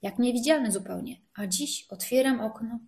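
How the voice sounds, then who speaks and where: A flustered, chatty old lady from a storybook gossips in a high, excited voice, as a woman narrator puts her on. She talks in breathless bursts, loud at some moments and hushed at others. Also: normal speed, gravelly. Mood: agitated. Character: agitated older woman, chatty neighbor.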